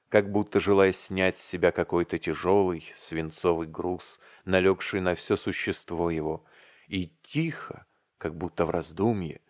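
A man narrating a classic novel as an audiobook, in a dramatic, expressive reading. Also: sits low, dry recording, studio quality.

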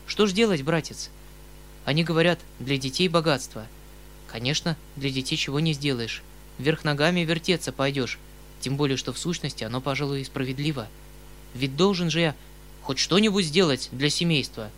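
A man's voice: fairly high pitch, moderate pace, fairly bright tone, a little hiss or hum, close to an everyday voice. A man reading an audiobook, voicing a kindly, emotional older uncle who pleads and exclaims. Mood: resigned.

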